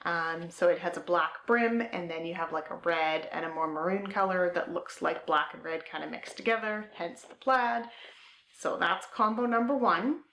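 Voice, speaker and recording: A woman's voice: on the low side, moderate pace, fairly bright tone. A woman hosting a knitting podcast, chatting casually and eagerly as she shows her things, with fillers and trailing thoughts. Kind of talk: casual show-and-tell chat. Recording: roomy echo.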